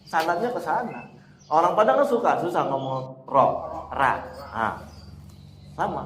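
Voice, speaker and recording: A man's voice: a little high, big pitch swings, unhurried, slight background noise. A man teaching a Quran lesson in an informal classroom way, chatty and often laughing as he answers students. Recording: echoey room with faint ambience.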